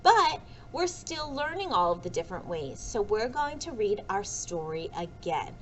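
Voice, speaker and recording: At a normal speed and in a medium-pitched, sing-song voice, an American preschool teacher reads a picture book with lots of expression. She talks to young children with questions and asides while background noise comes through clearly.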